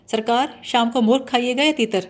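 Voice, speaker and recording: A woman's voice: on the high side, fairly even intonation, close to an everyday voice. Woman voicing a male servant, patient, deferential, matter-of-fact, audiobook. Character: patient male household servant, long-suffering.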